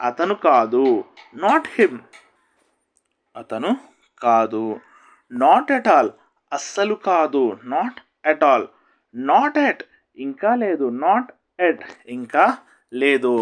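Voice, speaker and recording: A man teaching spoken English, drilling short phrases at a very slow, deliberate pace. His voice is a little higher than most men's and swings widely in pitch, rising on each English phrase and falling on its meaning. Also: low-quality recording. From India. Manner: says each English phrase then its meaning, repeats it slowly.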